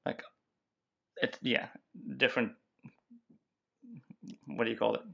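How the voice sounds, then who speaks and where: A man's voice: medium pitch, level tone, slow, vocal fry, bright, forceful tone, lo-fi sound. A man hosting a podcast, talking loosely and casually, often repeating words. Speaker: podcast host. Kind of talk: casual chat.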